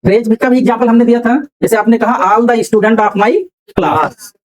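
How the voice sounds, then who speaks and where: A man's voice: very high voice, steady tone, normal speed, poor audio. A man teaching English pronunciation in a classroom, often asking the class questions and repeating their answers. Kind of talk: classroom lecture.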